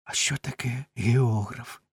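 A man voicing a curious, gentle young boy prince in a storybook reading, asking soft questions. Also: medium pitch, steady tone, takes it slowly, breathy edge, dry recording, studio quality.

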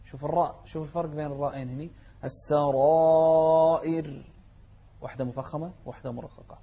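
A man teaching tajweed, reciting verses slowly and melodically, then explaining corrections briskly. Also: on the high side, steady tone, creaky, breathy edge, dull audio.

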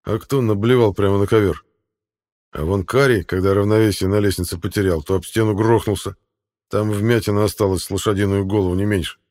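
Dude reading as a loud mocking viking, low voice, storybook. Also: male voice, steady tone, a little fast, close to an everyday voice. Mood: gloating. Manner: mocking, boisterous. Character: gloating rowdy young viking warrior.

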